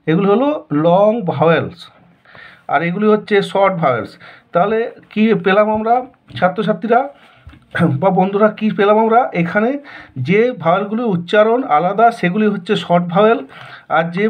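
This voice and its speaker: A male English teacher with a Bengali accent explains a school lesson, asking questions and then answering them himself in a repetitive way. His voice sits high, and the sound is lo-fi.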